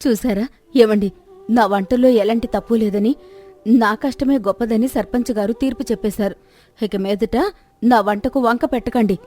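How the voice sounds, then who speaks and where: A woman doing a sharp-tongued village wife. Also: fairly high pitch, normal speed, lightly acted. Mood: defiant. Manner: scolding and defiant. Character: sharp-tongued young village wife defending her cooking. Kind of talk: storybook voice acting.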